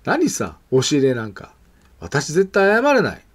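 A man's voice: fairly high pitch, huge pitch swings, measured pace, slightly rough, heavily acted. A man voicing a stubborn, defiant little girl as he reads a picture book aloud, with a pouting, insistent manner.

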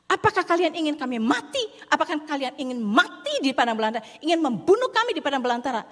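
A woman preacher voicing a complaining crowd of desert wanderers in a shrill, whining tone, with long hall reverb. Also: sing-song, fast talker, a bit bright.

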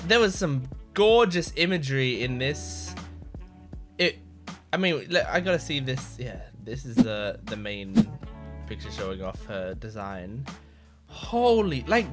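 Game trailer music plays as a man in his twenties, hosting YouTube reactions from a small bedroom desk, talks into a close desk boom mic. His voice is fairly high and fairly bright, and his excited, casual chat is full of gushing and swearing.

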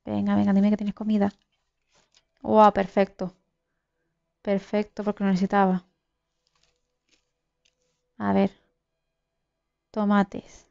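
Excitable woman gamer, smooth voice. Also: medium pitch, slow pace, pauses often, dull audio. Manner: excitable, swears, talks to viewers. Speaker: gaming YouTuber. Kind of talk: live gameplay commentary.

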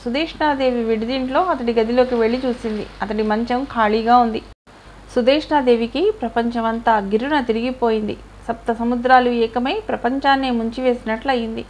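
A woman narrating an audio short story in a calm, even storytelling manner. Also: a little high, moderate pace, slight background noise.

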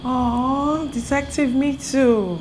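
A woman's voice: high voice, slow, a little mellow, a little hiss or hum, low-quality recording. An actress playing an affectionate, grateful young woman in a film drama, with a Nigerian accent and a reassuring manner. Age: young adult.

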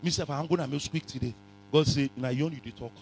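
A man with a West African accent preaching a sermon in a raspy voice, forcefully repeating phrases and questioning his congregation, sometimes in pidgin. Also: fairly high pitch, fast talker, slight background noise, poor audio. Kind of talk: animated sermon, code-switching into pidgin. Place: church hall full of congregation.

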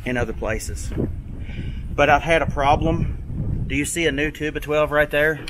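Outdoors in an open tobacco barn, a man with a somewhat high voice speaks at normal speed over a noisy background. He's a Kentucky farmer giving a casual, detailed, hands-on walkthrough of how the barn was constructed.

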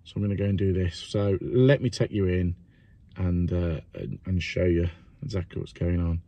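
A plumber vlogs frankly about a stressful job, swearing and rambling a little, first from a parked van and then in a small bathroom. His low, creaky voice has a warm tone and a moderate pace as he mixes casual chat with job commentary.

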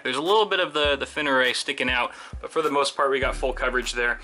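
A man's voice: on the high side, bright, forceful tone. A man around thirty narrating a casual tech vlog with a wry, tongue-in-cheek streak. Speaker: tech video host. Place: indoor room at home with computers.

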